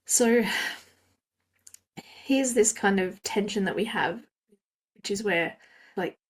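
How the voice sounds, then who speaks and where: An Australian woman hosts a solo reflective podcast, musing through her thoughts and often trailing off with fillers. Her medium-pitched voice is slow-paced and slightly rough.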